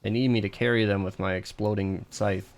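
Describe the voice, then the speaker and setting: A man's voice: on the low side, fairly even intonation, fairly quick. A man live-streaming a game, chatting casually with viewers in a rambling, self-deprecating way and laughing often. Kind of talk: casual live-stream chat while gaming.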